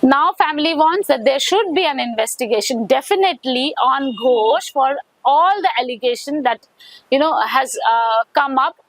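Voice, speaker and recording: A woman with an Indian accent giving an investigative news report in a halting way, often repeating and rephrasing. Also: high voice, lively intonation, no echo, rough recording.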